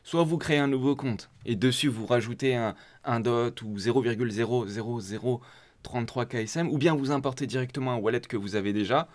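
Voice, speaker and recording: Male host, mid-pitched voice, relaxed and chatty, guides viewers click by click through a tutorial. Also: a little fast. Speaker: host of a crypto community channel. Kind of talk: casual screen-share tutorial.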